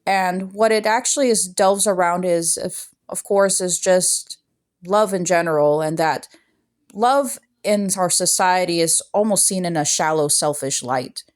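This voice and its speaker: A young woman with a lilt narrates over her painting time-lapse in a relaxed, soft-spoken way. Her voice sits a little low, and she reads her poem in the same gentle, unhurried manner. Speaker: art channel host. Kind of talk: casual voice-over with poetry reading.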